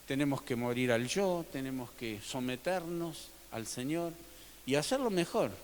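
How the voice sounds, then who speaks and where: A man preaching a sermon as pastor, swinging between loud emphatic peaks and soft, low drops. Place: church sanctuary. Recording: long reverb of a church hall.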